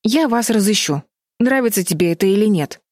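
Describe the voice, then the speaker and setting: A woman's voice: medium pitch, lively intonation, brisk, darkish tone, no echo, clean studio sound, voice pushed up, natural voice. A woman voicing a determined, stubborn girl who insists in an urgent voice, in a storybook reading. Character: girl, protective older sister, determined and stubborn.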